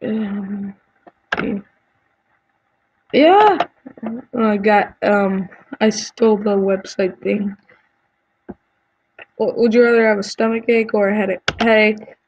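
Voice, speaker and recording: A woman's voice: mid-range voice, little pitch movement, a little slow, muffled recording, slight background noise. A woman YouTuber chatting casually as she answers quiz questions, giving blunt opinions with frequent ums and restarts.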